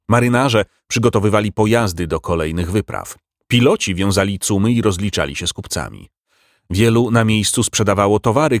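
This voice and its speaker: Male audiobook narrator, low voice, lively intonation, dry close sound, expressive storytelling. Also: no echo. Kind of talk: scripted narration.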